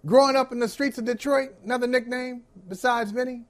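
A man's voice: extremely high pitch, brisk. A middle-aged man co-hosting a sports talk show, teasing his co-host in casual banter. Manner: teasing, animated, acts out quoted fans. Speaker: podcast co-host.

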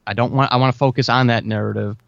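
He talks fast with vocal fry and fairly even intonation, his voice mid-range, as an audio drama writer chatting earnestly and enthusiastically in a casual interview. The recording has no echo, and its highs are cut off.

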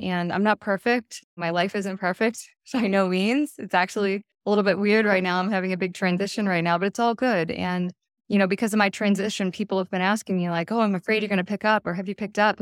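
Speaking as a guest on a podcast, a woman in her thirties shares her personal recovery story openly, earnest and reflective, in short plain sentences. Her mid-range voice is clear and resonant. The sound is clean studio audio with no echo.

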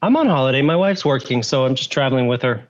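A man from the USA, a podcast guest speaking over a video call in a relaxed, easygoing way. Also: medium pitch, quick pace, lo-fi sound. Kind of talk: casual podcast conversation.

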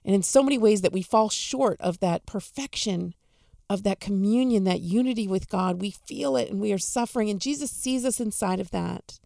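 A woman giving an earnest, encouraging devotional reflection on a gospel reading, speaking softly to listeners at home. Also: medium pitch, normal speed, creaky, no echo, clean studio sound. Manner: earnest, encouraging, soft-spoken.

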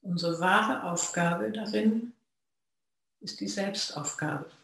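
A Zen practitioner gives a reflective dharma talk to a sangha, speaking in measured phrases with long pauses. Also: medium pitch, vocal fry, fairly bright tone. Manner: slow, measured, pausing between phrases. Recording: very echoey room.

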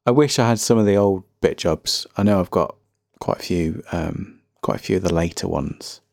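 A man's voice: low-pitched, moderate pace, vocal fry, a little mellow, no room sound, studio quality. A man with a faint Birmingham accent hosting a casual solo music podcast, chatty, rambling and self-deprecating. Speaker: podcast host.

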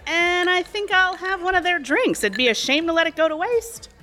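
A woman plays a chatty, sly waitress in her thirties with a sweetly condescending way of talking. Her voice sits high and swings widely in pitch, with soft music under it. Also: lively intonation, normal speed, full character voice. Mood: breezy. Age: 30s. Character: scheming woman bar waitress, aspiring actress. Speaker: cocktail waitress. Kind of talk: audio drama acting.

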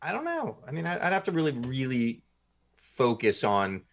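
A podcast guest who writes and produces audio dramas talks about his creative work in a casual, jovial interview, often thinking aloud. His voice is medium in pitch with huge swings, and he keeps a moderate pace.

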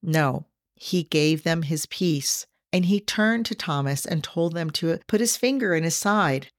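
Podcast host, woman with a deep voice, earnest teaching tone, dry close recording. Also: expressive, dry recording. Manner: earnest, slows down to stress scripture; addresses listeners directly.

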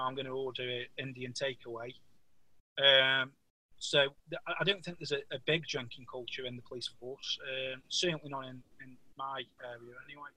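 A man's voice: mid-range voice, pushed and bright, no echo, poor audio. A middle-aged man with a Stoke-on-Trent Potteries accent, talking casually and hesitantly as an interview guest, often restarting his words. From Stoke-on-Trent, England. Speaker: podcast guest, police officer. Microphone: remote call.

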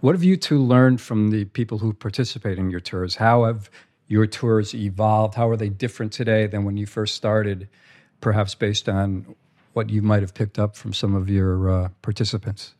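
A man hosting a podcast, asking interview questions in a measured, unhurried way. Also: fairly low pitch, steady tone, a little mellow. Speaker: podcast host.

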